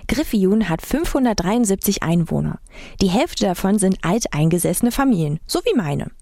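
A woman's voice: mid-range voice, big pitch swings, normal speed, dark tone, dry recording, studio quality. A woman voicing an overly eager, chatty teenage girl from a small island who keeps firing questions. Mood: eager chatter. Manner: bubbly, nosy, rattles off questions.

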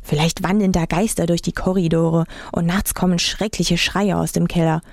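A woman's voice: on the low side, fairly even intonation, moderate pace, no echo, studio quality, lightly acted. A woman voicing a teenage boy who teases with ghost stories, in a whispered role-play. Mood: spooky teasing. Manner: hushed, spooky teasing.

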